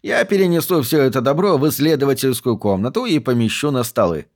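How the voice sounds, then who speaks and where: A man voicing an excitable, talkative old male museum archivist who snorts as he speaks, in a raised voice. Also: mid-range voice, fast. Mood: eager.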